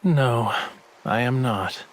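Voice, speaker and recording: A man's voice: mid-range voice, slow pace, natural voice. An actor playing a languid, aloof young male sea god in a romance video game. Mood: aloof, lazy. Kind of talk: scripted game voice acting.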